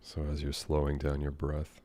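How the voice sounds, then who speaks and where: An unhurried American man improvises guidance for a meditation, his extremely low and dark voice relaxed and almost monotone. He speaks gently, letting long pauses settle, and the whole session feels soothing and unscripted.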